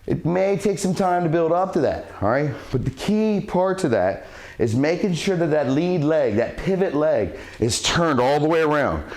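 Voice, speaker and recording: A man's voice: on the high side, gravelly. Man coaching a kickboxing workout. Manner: breathes sharp huss sounds on strikes while demonstrating. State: slightly out of breath from exercising. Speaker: martial arts fitness coach. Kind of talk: instructional workout talk.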